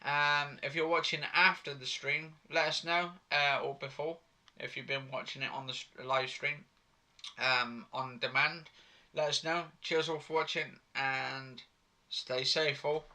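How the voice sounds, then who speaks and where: A young man hosting a train game channel, giving animated, exclamation-filled gameplay commentary. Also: on the high side, a little slow. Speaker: gaming channel host. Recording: train game noise behind.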